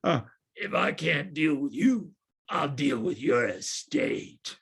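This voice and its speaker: A man voicing a flashy, threatening male mobster with a loud, high, nasal gangster drawl. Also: sing-song, creaky, husky, heavily acted. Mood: menacing. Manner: booming, drawn-out, mock-grand delivery.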